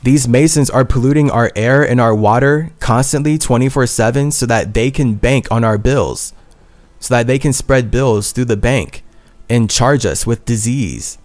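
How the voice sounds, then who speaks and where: A podcast host delivers a solo monologue in a mid-range, slightly mellow voice at a moderate pace. He is earnest and intense, swinging between heated and tender, and he repeats his phrases.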